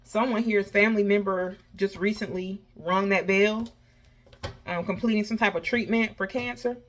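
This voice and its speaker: A woman's voice: medium pitch, steady tone, moderate pace, fairly bright tone. A woman with a slushy lisp on her s sounds, chatting casually and sassily to viewers as she reads tarot. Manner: folksy, sassy, addresses viewers as honey and baby. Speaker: tarot reader host.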